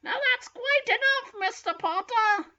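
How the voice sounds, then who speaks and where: A woman's voice: very high-pitched, animated, measured pace, sharp tone, voice pushed up, full character voice. A woman voicing a stern, scolding female professor witch, recorded lo-fi. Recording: lo-fi, dull sound.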